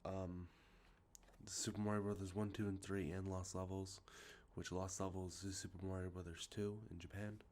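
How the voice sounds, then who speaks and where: A low-pitched man with a sniffly, blocked-up nose softly presents his collected games for ASMR viewers. His pitch barely moves and his speed is normal, while he rambles with many ums and uhs and corrects himself. He's outdoors with traffic nearby.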